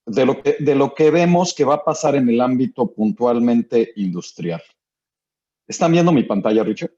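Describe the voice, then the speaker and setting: Dude presenting slides on a webinar, mellow voice, muffled call sound. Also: male voice, mid-range voice, expressive. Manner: brisk, sharing slides, rhetorical questions. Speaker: guest speaker. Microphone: video call. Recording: dull lo-fi call audio.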